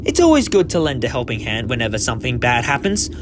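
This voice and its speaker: Man acting an expressive, kindly adventurer Doctor. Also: mid-range voice, quick pace, background noise. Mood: kindly, brisk. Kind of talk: amateur fan audio drama acting.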